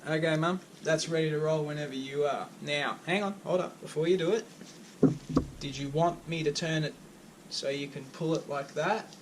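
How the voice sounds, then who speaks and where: An Australian man chats casually while coaching a painting session at home. His voice sits fairly high, and his manner is jokey and reassuring. Loud background noise runs under the recording. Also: steady tone, normal speed. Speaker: acrylic pour painting channel host.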